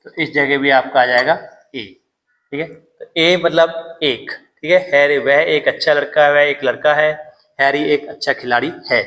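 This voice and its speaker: A man's voice: fairly high pitch, steady tone, unhurried, a bit bright, rough recording. A man teaching English grammar in Hindi, patiently repeating each point and checking in with "theek hai". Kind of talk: classroom grammar lesson.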